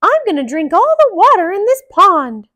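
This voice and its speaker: A woman voicing a small, plucky male cartoon mouse hero in a storybook, squeaky, cheeky and daring. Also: sing-song, moderate pace, sharp tone, full character voice. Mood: challenging. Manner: squeaky, chirpy, challenging. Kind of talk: children's storybook character voice.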